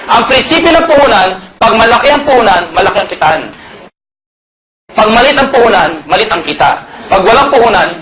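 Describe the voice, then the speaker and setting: Man from Pangasinan, high-pitched motivational seminar speaker, jokey and loud, over a loud crowd. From Pangasinan, Philippines. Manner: energetic, jokey, often shouting to the crowd. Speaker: network marketing speaker. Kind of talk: motivational sales talk to a live audience. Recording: loud crowd and noisy venue.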